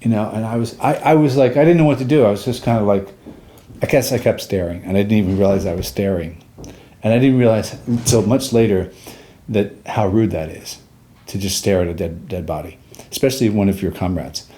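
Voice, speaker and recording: A man in his sixties, a war veteran, recalling his past in a halting way, with restarts and trailing pauses. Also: on the low side, dark tone, a little hiss or hum. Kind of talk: personal recollection.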